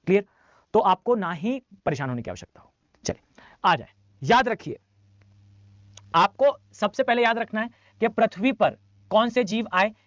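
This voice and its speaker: With a high, expressive voice, a male teacher delivers an online lecture at a moderate pace, leaving long pauses. He runs rote repetition drills on lists for his students and blends English phrases into his Hindi. The recording is dry with no echo, captured on a dull lo-fi mic.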